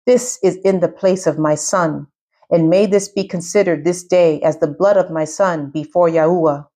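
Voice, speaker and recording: A devout old patriarch making an offering , read aloud by a woman. He declares his words slowly and solemnly, in a plain, even voice. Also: lowish voice, close to an everyday voice.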